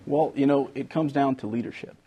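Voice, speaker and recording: Man, soft dark tone, medium pitch, hesitant, informal candidate statement. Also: brisk, husky. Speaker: congressional candidate. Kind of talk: unscripted debate statement.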